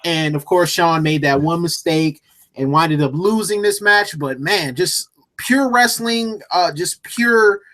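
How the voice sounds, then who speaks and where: A man co-hosting a casual podcast chat, telling an animated, jokey story. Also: fairly high pitch, slow. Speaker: co-host.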